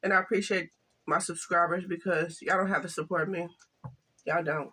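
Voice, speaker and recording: An older woman chatting casually to camera while eating, halting and soft-spoken, with some stutters. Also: fairly low pitch, steady tone, husky. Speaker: mukbang vlogger.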